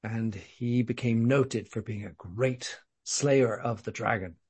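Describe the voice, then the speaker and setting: A man with a posh English accent, a podcast guest telling a story in a thoughtful, measured way. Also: medium pitch, darkish tone, slightly rough. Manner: thoughtful, measured, some repeated words. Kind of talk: conversational storytelling.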